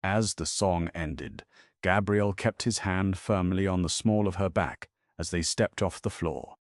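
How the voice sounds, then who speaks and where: A man narrating a romance story in a measured, dramatic way. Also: deep voice, dry recording, clean studio sound.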